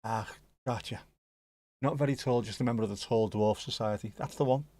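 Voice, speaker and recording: Fairly quick and slightly mellow, with a fairly low pitch, this man's voice comes through in clean studio sound with no echo. He's a Liverpool-area livestream host with a Scouse accent, chatting casually, reacting to live chat, and joking and swearing occasionally.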